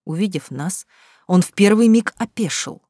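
A woman narrating an audiobook in the first person with a steady storytelling manner. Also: mid-range voice, moderate pace, dry recording, clean studio sound.

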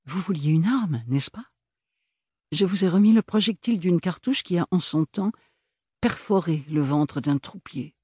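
A reserved young museum keeper in spectacles who speaks flatly and matter-of-factly, a storybook heroine, as a male narrator puts her on. Her lines sit somewhat above the reader's own pitch, husky and dry. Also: moderate pace, dry recording. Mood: flat, curt. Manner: flat, professional.

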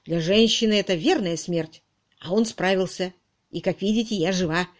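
A woman voicing a loud, bossy middle-aged charwoman in an audiobook, brusque and exclaiming. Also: fairly low pitch, moderate pace, lightly acted. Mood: gushing. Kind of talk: audiobook reading.

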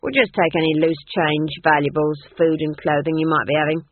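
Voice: mid-range voice, level tone, brisk, natural voice. A reader voicing a swaggering, pompous male bandit chief who blusters and boasts, on a tinny, phone-like recording. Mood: blustering. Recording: tinny phone-like dry sound.

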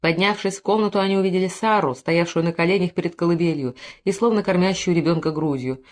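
A woman narrating an audiobook in an even, expressive reading style. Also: on the low side, fast talker.

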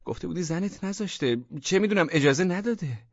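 A man voicing an angry woman scolding her lover, in a shrill, scolding manner, for an audiobook story. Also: lively intonation, no room sound, lo-fi sound.

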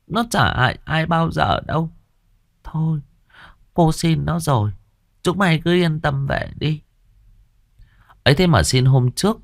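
A man tells a village ghost tale with dramatic, animated storytelling. His voice sits low, but the pitch swings widely as he builds the tension. The recording is dry and close to the mic. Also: no echo. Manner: lively, dramatic, acts out characters.

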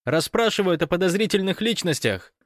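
High yelling phone caller, a male reader voicing him, dry close sound. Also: expressive, fairly quick, dry recording. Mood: excited shouting. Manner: loud, shouting, cheerful. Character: excitable man on a phone line, shouting news.

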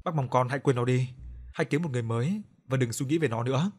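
A middle-aged father , voiced by a man, mourns his only son in an audio horror story. He speaks quietly and sadly, close to the narrator's own voice. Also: medium pitch, quick pace, husky, close to an everyday voice. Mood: sorrowful. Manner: subdued, sad.

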